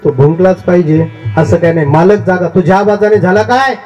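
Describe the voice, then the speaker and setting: A man voicing a wise, patient male donkey in a devotional folk tale, speaking in a lower, firm, reasoning tone. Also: steady tone, a little fast, a little mellow, soft background music, lightly acted. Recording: dull lo-fi live recording.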